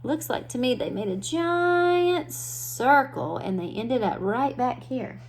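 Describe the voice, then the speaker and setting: A woman preschool teacher reads a story aloud to young children, stopping for simple explanations and questions. Her high-pitched voice is expressive, and she goes at a slow pace.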